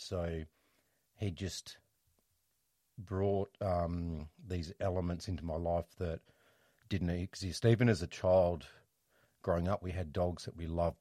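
Deep-voiced man telling a personal story. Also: warm tone, no room sound, studio quality. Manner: reflective, halting, with frequent restarts. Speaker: interview guest.

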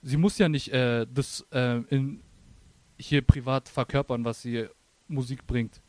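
A man's voice: mid-range voice, steady tone, a little slow, darkish tone, no echo. A man chatting casually about music, joking and dropping in English phrases. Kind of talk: casual music review chat.

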